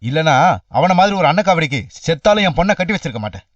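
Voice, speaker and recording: A man's voice: on the high side, animated, quick pace, dry recording. An actor playing a proud, wounded middle-aged father who talks in a mocking way, in a television serial. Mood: bitter. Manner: mocking, mixes in English phrases. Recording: distant dull TV audio with background score.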